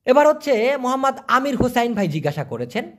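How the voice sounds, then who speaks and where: A man giving an online language lesson, answering viewer questions and slowly repeating foreign words for pronunciation. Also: extremely high pitch, big pitch swings. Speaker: language teacher.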